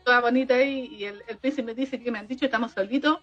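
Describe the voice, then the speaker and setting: A woman co-hosting a podcast in casual chat, agreeable and quick with quips, laughing along. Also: fairly high pitch, fairly even intonation, muffled recording, faint music behind. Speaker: podcast co-host.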